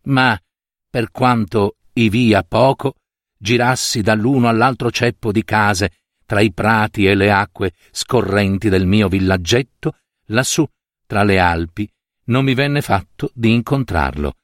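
A man narrating a literary short story in a measured, reflective reading. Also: lowish voice, no room sound, clean studio sound.

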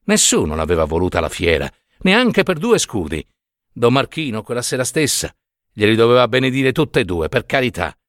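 A man reading a story aloud with expressive, dramatic phrasing and long pauses. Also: mid-range voice, no room sound, studio quality. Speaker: narrator.

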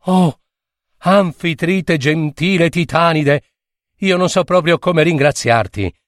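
A man voicing a sly, theatrical male dolphin with a high, exaggerated, sighing voice in a storybook reading. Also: no room sound, studio quality, close to an everyday voice. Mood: gushing. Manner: pleading, overacted, like a comedian.

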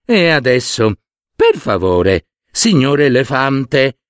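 A man voicing a family of tiny, hard-working female ants in a fairy tale, squeaky and earnest. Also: big pitch swings, slow, no room sound, studio quality. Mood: proud.

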